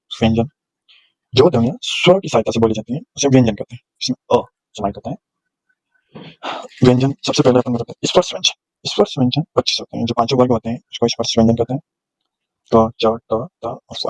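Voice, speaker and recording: A male teacher with a medium-pitched voice gives a classroom grammar lecture, patiently explaining and sounding out letters one by one. The audio is poor but has no echo.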